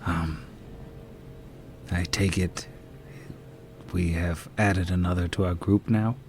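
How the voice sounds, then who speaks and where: A man's voice: sits low, fairly even intonation, a little mellow, slight background noise. A man voicing a tall, four-armed, masked female huntress who speaks in formal, polite sentences. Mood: dry, polite. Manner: formal, politely measured speech.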